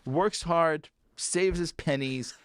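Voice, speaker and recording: A man, an author and guest, telling a story with animated, swooping emphasis. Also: on the high side, slow pace, clear, resonant tone, no room sound, studio quality.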